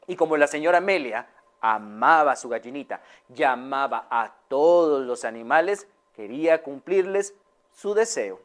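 A woman's voice: rumbling low, animated, normal speed. A woman telling a children's story aloud, often asking her young listeners questions.

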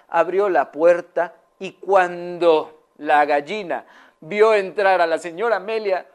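A woman telling a children's story aloud, often asking her young listeners questions. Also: low voice.

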